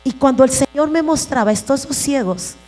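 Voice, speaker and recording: A woman's voice: high voice, moderate pace, darkish tone. A woman pastor preaching a sermon in an earnest way, speaking to the congregation as brothers and sisters. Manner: earnest, addresses listeners as brothers.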